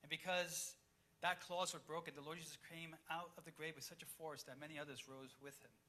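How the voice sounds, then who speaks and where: Pastor, male, from Chile, sermon delivery that shifts between loud and hushed, bright tone. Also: a little high, level tone, a little fast. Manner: reads scripture aloud then explains it, swings between loud and hushed.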